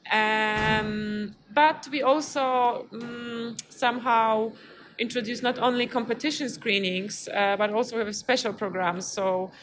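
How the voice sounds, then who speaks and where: A woman from Poland, speaking with a Polish accent, answers interview questions as a festival programmer, sounding hesitant and thoughtful. Her voice is a little high, steady, unhurried, and a bit bright, with clearly noisy background ambience in the recording.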